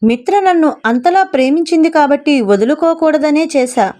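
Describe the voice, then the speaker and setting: A woman's voice: high-pitched, expressive, normal speed, darkish tone. A woman voicing a remorseful young man who reproaches himself and explains earnestly in a storybook reading. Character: remorseful young husband, regretful lover.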